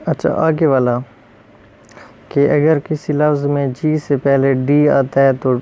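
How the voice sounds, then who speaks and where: A man teaching English pronunciation, repeating each rule and word slowly and then giving its meaning. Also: on the high side, little pitch movement, dark tone, smooth, muffled recording. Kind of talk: explaining pronunciation rules.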